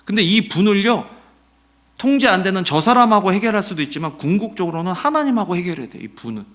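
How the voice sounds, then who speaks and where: With a high voice and a fast delivery, a middle-aged pastor gives an animated Sunday sermon. He speaks conversationally, quizzing the congregation and dramatizing quotes as he goes.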